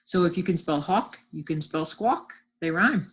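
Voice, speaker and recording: A woman's voice: lowish voice, animated, moderate pace, breathy edge. A woman teacher giving a lesson from home, patiently sounding out words and encouraging her class.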